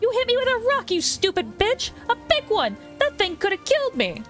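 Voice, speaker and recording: A woman's voice: mid-range voice, animated, normal speed, faint music behind, lightly acted. A woman voicing a cruel, boastful, chubby village bully boy who sneers and whines. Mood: shrieking, furious. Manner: sneering, whining when hurt.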